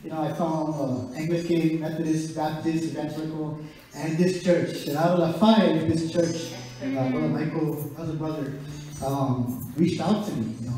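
A man sharing a casual spoken testimony at a small church, talking in a relaxed way with lots of "you know" and "like". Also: on the high side. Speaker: church member giving a testimony. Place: small church hall with a band. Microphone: handheld mic, filmed from a far phone. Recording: very echoey hall, far from the mic.

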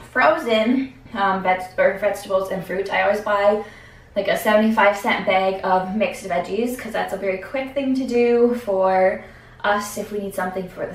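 Filmed by a camera several steps off in her echoey home kitchen, a young adult woman chats through her groceries for a vlog. She speaks in a mid-range voice, filling her thinking-aloud with fillers, and sounds distant from the mic.

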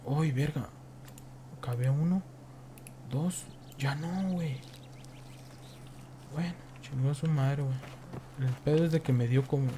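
A man's voice: on the high side, mellow, a little hiss or hum. A young man with a Mexican accent gives casual, profane commentary on his gameplay. He tacks a slang filler onto nearly every phrase. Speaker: gameplay streamer.

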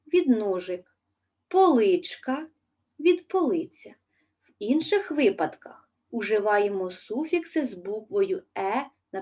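Slow, husky Ukrainian woman teacher. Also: mid-range voice, darkish tone. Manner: slow, careful dictation of words and suffixes. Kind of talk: remote school lesson. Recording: dull, lo-fi recording.

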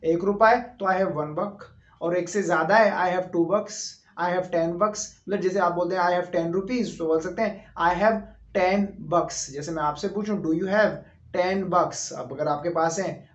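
A man from India with an Indian English accent, teaching English in a chatty video lesson, often checking in with the viewer and spelling example sentences out slowly. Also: high voice. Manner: chatty, keeps checking with tags like "right?". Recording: echoey room, dull lo-fi sound.

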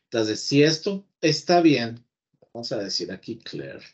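Chatty teacher coding live. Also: male voice, medium pitch, big pitch swings, a little slow. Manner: chatty, talks to the computer as if to a person. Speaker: programming teacher. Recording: slightly dull lo-fi audio.

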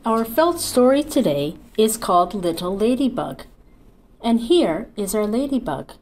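This middle-aged woman from Canada, speaking with a Newfoundland accent, runs a home storytime as a children's librarian, her manner cheerful, sing-song and encouraging. Her slightly high, darkish voice swings widely in pitch and moves a little slowly. She sits in an armchair in a small room with echo, recorded by a fixed camera a few feet off.

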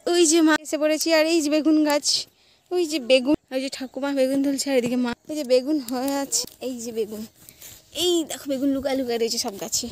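A woman's voice: sits high, darkish tone. A young woman vlogging casually, chatting straight to her viewers while filming on a phone outdoors in village fields. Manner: chatty, addresses friends directly. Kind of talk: casual vlog narration. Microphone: phone camera.

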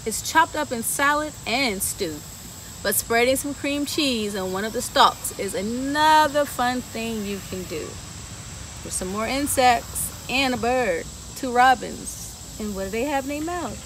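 On a garden bench outdoors, a story time reader with a slightly high, animated, fairly bright voice reads a picture book a little slowly to children, playfully asking them questions between rhymes. The audio is poor, captured by a camera a few feet away, with clear insect noise.

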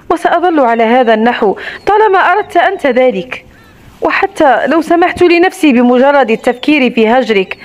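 Brief: high, sharp-voiced young wife, defiant and bitter, read by a woman narrator. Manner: sharp, heated reading.

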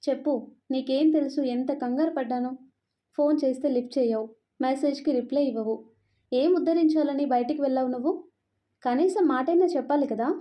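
A woman's voice: high-pitched, brisk, warm tone, lightly acted. A woman voicing a tearful young wife. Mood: tearful scolding. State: crying. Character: frightened young wife, pleading then scolding. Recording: dull lo-fi narration recording.

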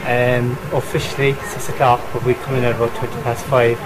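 A man with a Cork Irish accent, a street cleaner, calmly explaining his work hours. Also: medium pitch, a little fast, over music, poor audio. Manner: plain, matter-of-fact.

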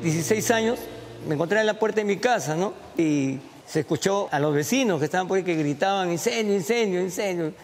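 A man with a Peruvian accent, a firefighter and cooking vlogger, talking earnestly and haltingly, often repeating words as he searches for them. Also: high-pitched, music in the background. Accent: Peruvian Spanish. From Peru. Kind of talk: interview and vlog talk.

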